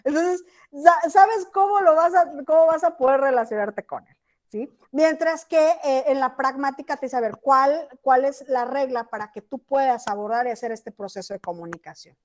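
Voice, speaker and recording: High-voiced woman teacher on a video call. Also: normal speed. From Chiapas, Mexico. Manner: checks in often with students, asking "¿sí?". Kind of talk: online class lecture.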